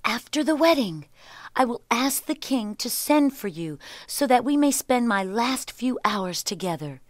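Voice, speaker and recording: A resolute young heroine from a storybook, as a woman reader puts her on, her lines lifted higher and louder than the narration and full of lively rise and fall. The sound is dry and close, with no room around it. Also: unhurried, dry recording. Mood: confiding. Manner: earnest, pleading, raised voice. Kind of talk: storybook reading.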